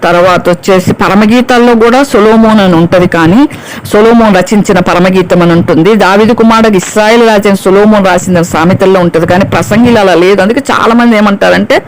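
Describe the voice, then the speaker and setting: A woman's voice: medium pitch, brisk, low-quality recording. A woman preacher giving a Bible sermon. She speaks emphatically, repeats key words for stress, and briefly acts out the voices of children and parents.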